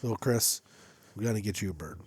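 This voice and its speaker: A young man with a lowish voice chats about his hunting weekend in a rambling, loose way, wandering into asides as he goes. He is recorded close on a headset mic in a small shop studio. The sound is completely dry. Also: fast talker, slightly rough, no room sound. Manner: rambling and animated, trailing off into asides. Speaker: podcast co-host. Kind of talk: casual chat. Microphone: headset or boom mic.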